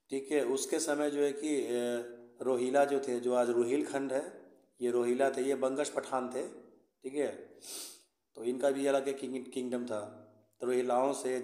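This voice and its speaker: Male history tutor, mid-pitched, patient explaining voice, recorded in an echoey room. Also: warm tone. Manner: repeats "theek hai", mixes English words. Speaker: history teacher. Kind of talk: explanatory lesson.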